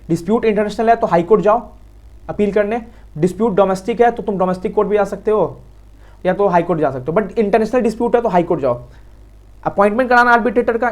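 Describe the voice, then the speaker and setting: Fast-talking Indian man teaching law. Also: high voice, a little mellow. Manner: quick, repetitive, addresses students as sir. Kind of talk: fast exam revision lecture.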